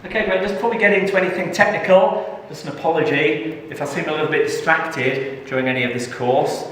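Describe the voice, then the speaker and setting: This is a live tax training session given by a middle-aged English man who keeps things jokey and chatty, drawing the audience in. His voice leans high, brisk and a bit bright, captured from a distance in an echoey hall of a large training room, with a little hiss or hum.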